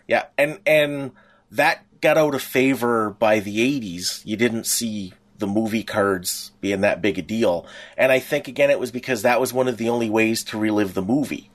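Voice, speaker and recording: A middle-aged man co-hosts a podcast, his voice fairly low and his speed normal. He chats casually, reminiscing in a talkative, rambling way full of anecdotes.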